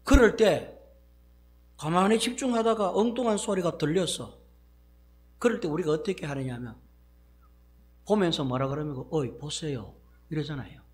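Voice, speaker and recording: A male pastor with a Gyeongsang accent preaching a sermon, acting out exclamations and swinging from loud bursts to hushed asides. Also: fairly high pitch, animated, normal speed, long pauses.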